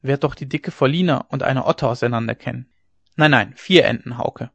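A blustering old dike reeve with a booming, gruff voice, as a male narrator puts him on. He bursts out loudly and scolds in a storybook reading. The recording is dull and dry. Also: brisk, dry recording. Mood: scolding.

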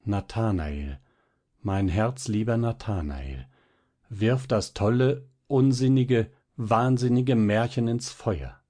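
A man reading aloud and voicing a gentle but anguished young woman in a storybook. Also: medium pitch, takes it slowly, few pauses. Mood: tender. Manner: pleading, raised in distress.

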